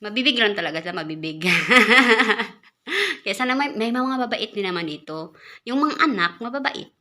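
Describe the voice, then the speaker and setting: Casting note: woman from the Philippines, caretaker vlogger, bright voice, chatty and easygoing, stumbles and restarts words. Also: mid-range voice, expressive, fast. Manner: chatty, repeats and restarts words, laughs often. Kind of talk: casual vlog talk.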